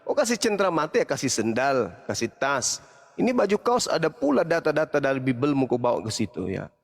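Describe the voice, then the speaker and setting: A man's voice: mid-range voice, very animated, brisk, vocal fry. A man, an Islamic preacher delivering a heated, mocking monologue of repeated rebukes. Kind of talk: angry scolding monologue. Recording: long hall reverb.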